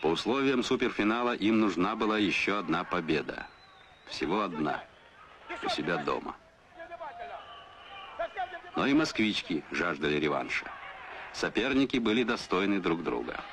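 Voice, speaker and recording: A man with a deep, low voice reads a scripted newsreel commentary in a measured, announcing way. The sound comes from an old film soundtrack with clear hiss and noise behind him. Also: lively intonation. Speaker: documentary narrator.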